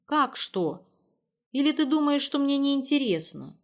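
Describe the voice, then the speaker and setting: A woman reading the part of a brisk, commanding middle-aged mother in an audiobook. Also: sits high, sing-song, voice pushed up, full character voice. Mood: fussing.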